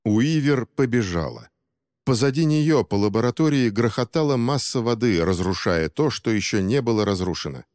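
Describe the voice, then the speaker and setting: A man narrating an action thriller audiobook in a steady, dramatic reading. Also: medium pitch, normal speed, no echo, studio quality, in a large hall. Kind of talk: scripted narration.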